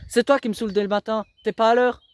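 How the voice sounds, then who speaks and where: Guy youth worker telling off a teen, firm, gets loud and high when he scolds. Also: fairly even intonation, fast, dry recording. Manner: firm, scolding, raises his voice. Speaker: youth educator. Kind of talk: coaching young people.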